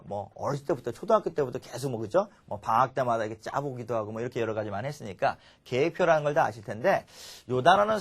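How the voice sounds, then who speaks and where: A man teaching an English vocabulary lecture, drilling listeners with call-and-response repetition. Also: mid-range voice.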